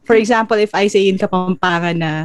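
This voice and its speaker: Lively Taglish-speaking woman host. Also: mid-range voice, brisk, no room sound. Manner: Taglish code-switching, laughs often, lively storyteller. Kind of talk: casual chat.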